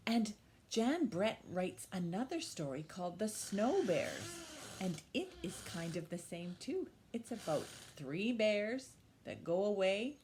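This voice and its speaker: For an audience of young children, a woman librarian reads a story and teaches, repeating simple, encouraging phrases. Her medium-pitched voice has a darkish tone, and a little hiss or hum runs under it.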